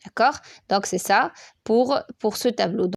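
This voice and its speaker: A woman's voice: on the high side, measured pace, vocal fry, no room sound, clean studio sound. A woman teaching an online lesson, hesitant, repeating words and checking in with the class often.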